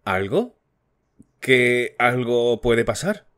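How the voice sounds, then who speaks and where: A curious, earnest young woman who presses softly for answers, as a male narrator reads her. Close to his own voice, quiet and measured. An audiobook scene. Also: medium pitch, sing-song, full character voice. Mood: probing.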